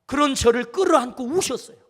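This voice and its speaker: A man's voice: very high voice, fairly quick, breathy edge, in a large hall. A male pastor giving an earnest storytelling sermon, acting out the quotes in it. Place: church sanctuary.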